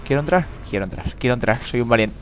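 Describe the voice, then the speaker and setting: A man's voice: medium pitch, expressive, quick pace. Spanish gamer guy freaking out over a horror game, voice jumping all over, lots of noise behind. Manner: frantic, swears a lot, repeats words in panic.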